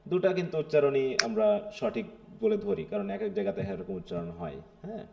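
Gravelly-voiced male literature teacher. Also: a little high, wildly swooping pitch, quick pace, lo-fi sound. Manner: explains step by step, keeps checking with students. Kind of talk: live online class, mixing Bengali and English.

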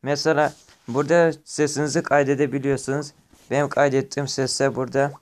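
A man's voice: mid-range voice, flat delivery, brisk. A man giving a casual, step-by-step walkthrough of an app in plain, repetitive explanations. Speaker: app tutorial presenter. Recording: noisy amateur recording with clicks.

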